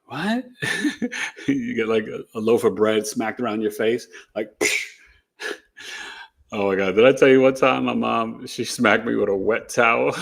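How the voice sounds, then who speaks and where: A man hosting an astrology livestream, chatting casually and telling animated stories with frequent laughter. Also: on the low side, gravelly. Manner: animated storyteller, laughs often.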